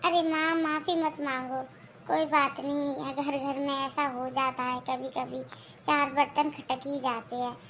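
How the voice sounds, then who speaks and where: Young performer as a grown son, lowered voice, cheerful, cartoon, faint hiss. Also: level tone, a little slow, fairly bright tone. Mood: soothing. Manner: reassuring, upbeat. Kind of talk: cartoon voice acting.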